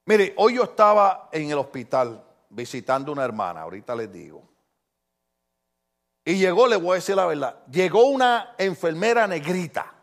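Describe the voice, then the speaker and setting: A middle-aged man with a Puerto Rican accent, preaching a sermon with animated storytelling and rhetorical questions to the congregation. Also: sits high, moderate pace. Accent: Puerto Rican Spanish. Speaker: pastor.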